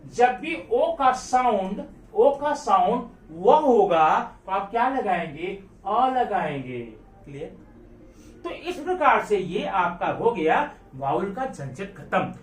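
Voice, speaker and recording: He speaks in a high, sing-song voice, slowly, while teaching a grammar lesson in a classroom, regularly asking his students questions and repeating key terms. The echoey room, the distant placement of his voice, and slight background noise mark the recording.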